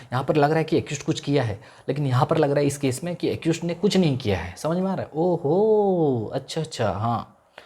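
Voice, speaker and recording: A man's voice: a little high, expressive, a little mellow, breathy edge. Man lecturing with quiz-style repetition. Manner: repeats key terms as call-and-response questions; mixes in English legal phrases, drawn out slowly. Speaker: law lecturer. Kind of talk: classroom lecture.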